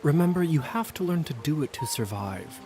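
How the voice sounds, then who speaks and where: A man's voice: on the high side, animated, fairly quick, over music. An actor playing an easygoing male vampire mentor in a video game, coaxing and conversational, casually reassuring. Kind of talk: scripted game dialogue.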